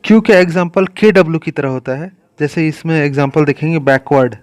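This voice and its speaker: A man with an Indian accent teaching English pronunciation in a classroom style, speaking slowly and repeating each sound and its examples. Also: a little high.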